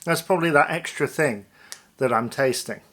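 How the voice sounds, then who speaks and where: A man with a slightly high voice hosts a casual food review for online viewers. He thinks aloud as he goes, weighing each impression tentatively and qualifying what he says. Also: normal speed, sharp tone. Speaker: food review vlog host.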